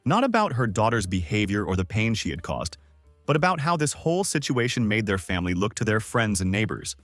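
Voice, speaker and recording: A man's voice: on the low side, sing-song, fairly quick, a bit bright, no room sound, soft background music. A man narrating a scripted first-person story in a dry, sardonic manner.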